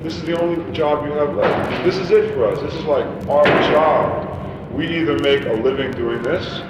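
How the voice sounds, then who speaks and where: A man's voice: on the high side, steady tone, normal speed, highs cut off. A man in a band, ranting emphatically in an interview. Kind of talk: animated interview talk. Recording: echoey room from far off with noise.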